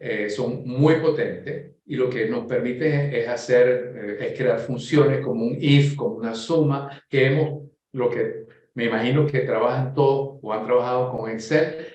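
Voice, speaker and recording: A man from Venezuela presenting a software course in a webinar, explaining step by step and often checking in with his listeners. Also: medium pitch, measured pace, very echoey. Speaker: course instructor.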